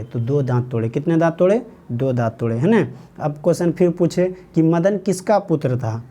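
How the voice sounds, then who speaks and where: A man's voice: fairly high pitch, mellow. A young man with a Bihari Hindi accent, teaching an exam-prep lesson, repeatedly asking questions and answering them himself. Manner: repetitive questioning, answers his own questions.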